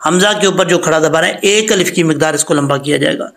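A man teaching recitation rules patiently, step by step, and chanting slow examples. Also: on the high side, creaky, a bit bright. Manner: patient, explains step by step, then chants slowly. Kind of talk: tajweed lesson with recited examples.

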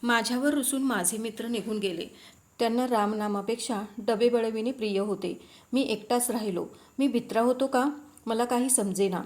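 A woman reads a classic story aloud, pitched a little higher than most. Her delivery is steady and expressive, the even pace of a storybook reading. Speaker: audiobook reader.

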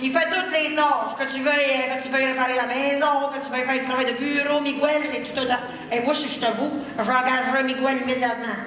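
Stage sketch: over-eager male referee, high-pitched, Quebec French accent, very reverberant theatre. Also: fairly even intonation, fairly quick, few pauses, a bit bright. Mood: gushing, insistent. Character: fake male job reference, gushing and over-eager on phone. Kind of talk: live stage sketch comedy. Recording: echoey theatre stage, faint noise.

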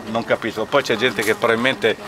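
At an outdoor memorial bike ride, a man from the Castano area of Lombardy speaks hesitantly with lots of fillers, then reads a poem in dialect. He has a Lombard Italian accent and a lowish, fairly even voice, talking a little fast over background noise.

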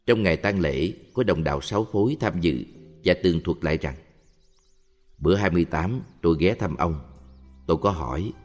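A man reading a Buddhist story and memoir aloud in a steady, even voice. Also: low voice, a little fast. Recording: reverberant with faint music.

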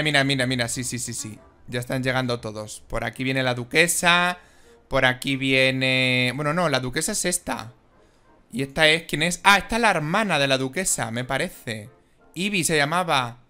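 A man giving casual, excitable and emotional commentary on a life-simulation game. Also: a little high. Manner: excitable and emotional, exclaims and giggles. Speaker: gaming video host.

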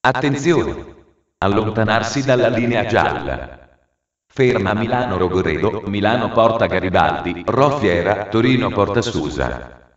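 Over a distant station loudspeaker, a man's low voice reads automated train announcements in formal, measured, segmented phrases, yet very animated. The audio is muffled and echoes heavily, like in a vast hall.

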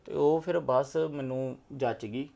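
A stubborn, lovestruck young son, played by a man, in a homemade family drama. His voice is gravelly with a middle pitch, and he keeps coaxing and pleading. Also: a little slow, dark tone.

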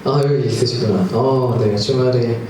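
Performing at a small live music club, a singer-songwriter in his thirties talks to the audience between songs in a warm, slightly nervous manner. His voice is mid-range, fairly even in intonation, at a moderate pace. The background is noisy and echoey, recorded from a distant mic with music playing.

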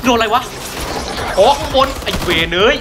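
Jumpy Thai gamer man shouting over gunfire. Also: very high voice, expressive, background noise. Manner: rapid repeated words, frequent swearing. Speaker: gaming streamer. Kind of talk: excited live commentary while playing. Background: game music and gunfire.

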